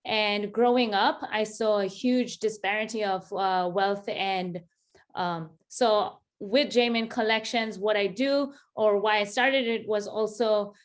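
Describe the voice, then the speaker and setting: A woman in her thirties from Kenya, an interview guest talking in a relaxed way, laughing often and using many fillers. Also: medium pitch, measured pace. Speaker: interview guest, business founder. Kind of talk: casual interview.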